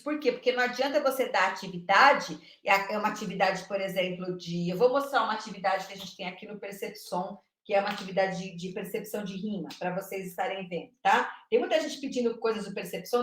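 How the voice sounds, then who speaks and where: A woman educator giving an animated live online class, speaking emphatically and checking in often with her viewers. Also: on the high side, reverberant. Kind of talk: lively live-stream teaching talk.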